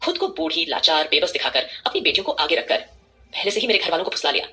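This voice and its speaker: A woman's voice: mid-range voice, big pitch swings, quick pace, pushed and bright. Woman voicing a sneering arrogant young rich man. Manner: sneering, contemptuous.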